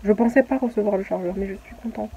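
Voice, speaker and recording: A woman's voice: medium pitch, quick pace, mellow, dull audio, a little hiss or hum. A young woman vlogging casually, rambling with many fillers and restarts. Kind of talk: casual chatty vlog.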